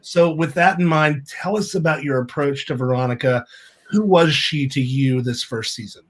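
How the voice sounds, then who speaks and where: A man's voice: medium pitch, moderate pace. A man co-hosting a casual online show, asking a guest questions with friendly stumbles and restarts. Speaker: co-host.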